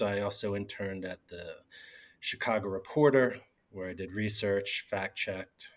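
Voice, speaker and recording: A low-voiced newspaper editor from Bucks County, Pennsylvania tells his story as a guest in a casual interview. His tone is fairly bright, and he rambles with many fillers and restarts.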